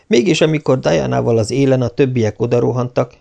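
A man narrates an audiobook in a measured, steady way. His voice is dark and gravelly. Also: mid-range voice, lo-fi sound. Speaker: audiobook reader. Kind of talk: scripted narration.

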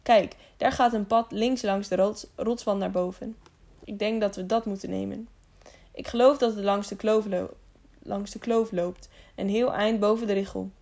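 A woman voicing a brave, steady young man traveling in the mountains in a storybook reading. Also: medium pitch, normal speed, gravelly. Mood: calm.

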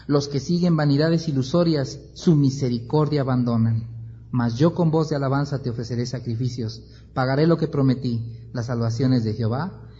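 Man, Bible class teacher, animated storytelling, rhetorical questions, mellow dark tone, dull lo-fi sound. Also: mid-range voice, moderate pace, a little hiss or hum.

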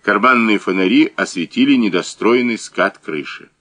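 A man narrating a crime novel audiobook in a measured, dramatic way. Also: fairly low pitch, expressive, pushed and bright.

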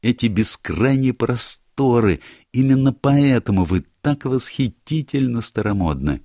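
Male reader playing a young woman, mocking, gushing, raised voice, lively, dry audiobook sound. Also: medium pitch, a little slow, no echo, voice pushed up, close to an everyday voice. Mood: teasing. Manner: teasing, gushing. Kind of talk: audiobook character voice.

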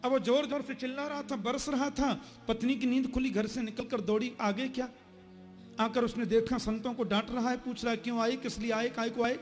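A man preaching a Hindi devotional story sermon, acting out the characters' dialogue with changing pitch and loudness. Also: fairly even intonation, a little fast, soft background music.

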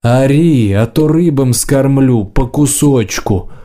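Мужчина читает грозного бандита. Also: male voice, mid-range voice, slow, mellow, natural voice. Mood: threatening. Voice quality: threatening, commanding. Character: menacing male bandit, gruff and threatening.

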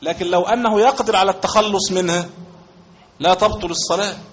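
A man's voice: high-pitched, fast. A man with an Egyptian accent teaching a religious lesson. He reads passages aloud from a legal text and then explains them, repeating key phrases and giving examples. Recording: dull lo-fi recording.

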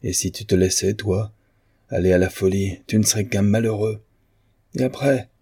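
A man's voice: fairly low pitch, level tone, moderate pace, mellow, slightly rough, dry recording, clean studio sound. A man voicing a bitter, mocking male painter in an audiobook of a novel. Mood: scornful. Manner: sneering, sarcastic.

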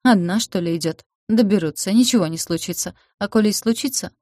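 A fretful older village healer, folksy and lamenting, scolding in a low, mellow voice, as a woman reads her in an audiobook. She talks loudly and emotionally, in a very dry, close sound. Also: brisk, dry recording, natural voice. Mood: indignant.

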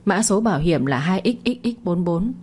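A woman's voice: on the low side, lively intonation, moderate pace, dark tone, slight background noise, lightly acted. Scheming greedy husband, as a woman narrator puts him on. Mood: businesslike. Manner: defensive and blustering.

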